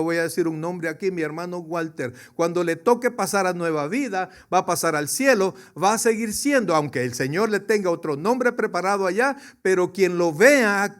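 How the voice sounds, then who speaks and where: Male pastor, high voice, emphatic sermon delivery with rising and falling volume, talks straight to the congregation. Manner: emphatic preaching, swings from soft to loud; addresses the congregation directly, asks questions.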